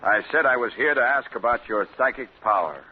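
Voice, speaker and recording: A man's voice: medium pitch, animated, a little fast, lightly acted. An actor playing a blustering, skeptical male police commissioner who barks orders, in 1940s radio acting. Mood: curious. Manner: gruff, barking orders. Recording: tinny scratchy 1940s radio broadcast.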